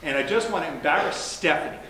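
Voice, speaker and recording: Pastor in a very echoey church. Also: male voice, fairly high pitch, expressive, fast, bright, forceful tone, slight background noise. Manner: chatty and joking between formal prayer. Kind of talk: church announcements and prayer. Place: large church sanctuary. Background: congregation murmuring.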